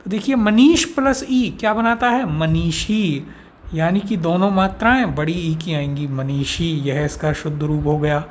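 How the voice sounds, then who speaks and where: Working through words one by one, a Hindi teacher from India runs a spelling lesson for an exam course and asks rhetorical questions before each answer. His voice is a little high and unhurried, with slight background noise.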